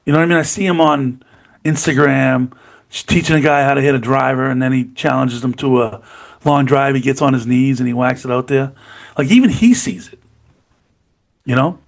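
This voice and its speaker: A man's voice: medium pitch, moderate pace, vocal fry. Chatty man talking sports. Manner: rambling, enthusiastic, repeats "you know what I mean". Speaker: podcast co-host. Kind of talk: casual sports chat.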